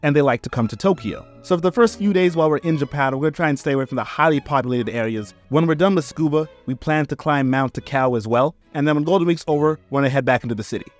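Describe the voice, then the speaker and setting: A man narrating his trip in a quick, relaxed voice-over. His voice sits a little high, and soft music plays beneath it. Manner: relaxed storytelling. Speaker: travel vlogger.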